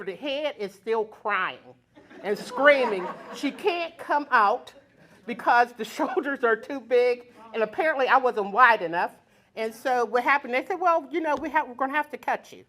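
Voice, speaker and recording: A woman telling a personal story at a live storytelling event, colloquial and lively, acting out the voices of the people in it. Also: a little high.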